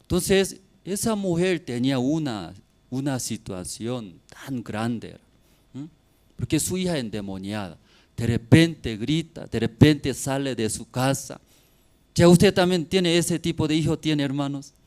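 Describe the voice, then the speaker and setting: A man's voice: medium pitch, lively intonation, a little slow, darkish tone. A middle-aged man preaching a sermon as pastor, often ending phrases with tag questions and building to emphatic bursts.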